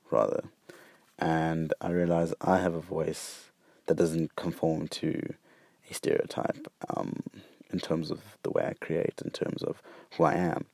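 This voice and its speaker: A young man hosts his own podcast in a reflective solo monologue, speaking earnestly but hesitantly and tripping over repeated words and fillers. His voice is low and dark with vocal fry, captured in studio quality with no room sound.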